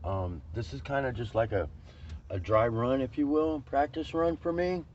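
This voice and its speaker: A man's voice: mid-range voice, normal speed, darkish tone. A man talking to camera on a road trip, rambling and emotional, with many restarts and fillers. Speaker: vlogger. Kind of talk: casual vlog monologue. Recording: lo-fi with faint road noise.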